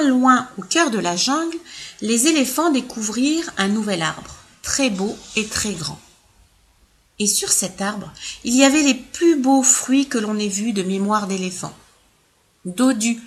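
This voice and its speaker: A woman reading a children's storybook aloud in a playful, animated way. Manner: slow, lively storyteller with big pitch swings.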